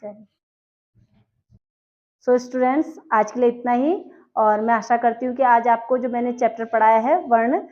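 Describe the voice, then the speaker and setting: A woman's voice: a little high, fairly even intonation, moderate pace, pauses often. A woman teacher giving a grammar lesson, asking her class questions and answering them herself. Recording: dull lo-fi sound.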